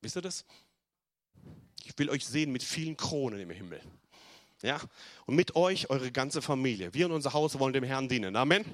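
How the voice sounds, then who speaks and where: A man preaching a sermon to his congregation, reading scripture slowly and swinging from soft and low to loud, urgent calls. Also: animated, no echo. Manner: reads scripture slowly with emphasis, talks to the congregation directly. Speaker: pastor.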